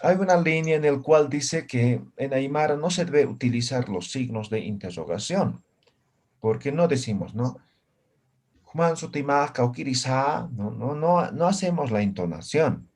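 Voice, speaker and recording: Slow, patient male teacher. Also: mid-range voice, slight background noise. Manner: patient explaining, constant "no?" checks. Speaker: language teacher. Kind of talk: classroom lesson.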